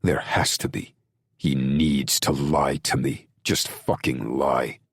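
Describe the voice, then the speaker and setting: A man narrating a dark romance audiobook in the first person, brooding, measured and intense. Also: extremely low pitch, fairly even intonation, gravelly, husky, no room sound, clean studio sound.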